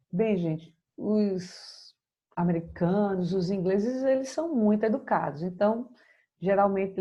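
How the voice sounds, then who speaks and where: Brazilian woman teacher, slow and mellow, patient, walks students through grammar step by step. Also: fairly low pitch, muffled recording. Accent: Brazilian Portuguese. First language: Portuguese. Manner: slow, patient explaining, checks in with "ok?". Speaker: English teacher. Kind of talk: recorded grammar lesson.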